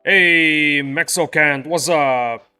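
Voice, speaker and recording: During a game livestream, a young streamer chats loosely with viewers and often restarts his sentences. His fairly high voice is pushed and bright, clear and resonant, with drawn-out words, over faint background music.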